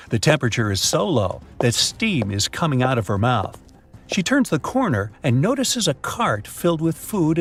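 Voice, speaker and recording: Expressive male story narrator. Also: medium pitch.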